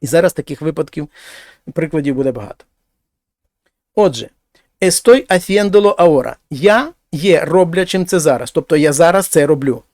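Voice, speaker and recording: Male language teacher, slightly high voice, patient explanations, dry close recording. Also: lively intonation, no room sound. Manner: explains slowly, speaks example phrases louder and higher. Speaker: Spanish teacher. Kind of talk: language lesson.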